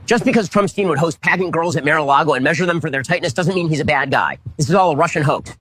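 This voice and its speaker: Smug news-parody pundit, acted by a man, husky and fairly high, music behind. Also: fast talker, fairly bright tone. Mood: smug, defensive.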